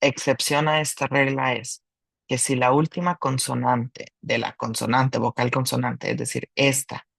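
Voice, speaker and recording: An English teacher gives an online grammar lesson, explaining slowly and patiently while switching between Spanish and English with small restarts. His medium-pitched voice is a bit bright, with vocal fry and little pitch movement, on a dry, rough recording.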